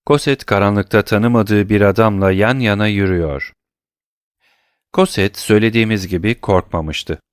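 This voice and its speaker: A man reading an audiobook in a steady, even narration. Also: lowish voice, normal speed, clear, resonant tone, no echo, studio quality.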